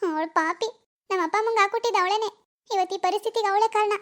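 A woman's voice: very high voice, rapid-fire, a bit bright. Woman voicing Bangari, an anxious teen schoolgirl. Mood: tearful complaint. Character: worried teenage village schoolgirl in love. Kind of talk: cartoon voice acting.

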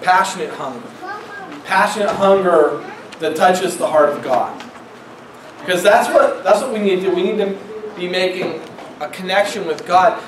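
A man's voice: sits high, roomy sound, far from the mic, a little hiss or hum, poor audio. A man preaching as pastor in a church, in a conversational style that repeats phrases and asks the congregation questions. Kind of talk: sermon. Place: church sanctuary.

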